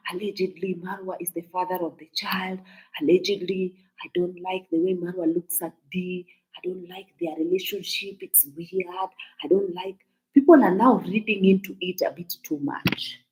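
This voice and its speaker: A woman's voice: lowish voice, steady tone, moderate pace, a little mellow. A woman from Kenya with a Kenyan accent, giving casual, talkative commentary on celebrity gossip to her viewers, emphatic and repeating herself. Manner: mixes in Swahili phrases.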